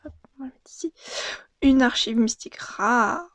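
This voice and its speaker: A young woman casually opening and commenting on trading cards, reading them out in a soft, murmured voice that often drops to a half-whisper. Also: a little high, moderate pace, no room sound. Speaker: card unboxing vlogger.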